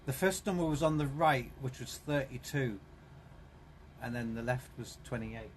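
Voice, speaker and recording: A man's voice: mid-range voice, moderate pace, slight background noise. A man chatting casually on a live stream in a vehicle workshop, wandering and repeating himself. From South East England. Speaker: streamer fixing his van.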